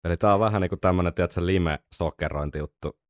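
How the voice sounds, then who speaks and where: Deep-voiced man chatting. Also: no echo, studio quality. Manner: laughs often, relaxed banter. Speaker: podcast co-host. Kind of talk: casual chat.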